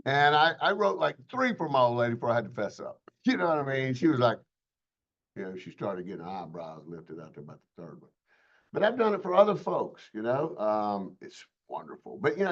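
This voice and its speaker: A man's voice: medium pitch, muffled recording. A man teaching a real estate licensing class in a casual webinar, chatting and joking with his students in a folksy way.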